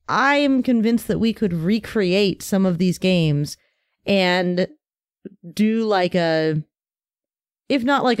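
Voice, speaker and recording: A woman's voice: on the low side, clear, resonant tone, dry recording, clean studio sound. A woman co-hosting a sports podcast in casual, enthusiastic chat, often restarting her sentences.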